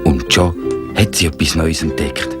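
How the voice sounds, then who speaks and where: Brief: male storybook narrator, Swiss German accent, deep and gentle. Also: moderate pace. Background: cartoon music.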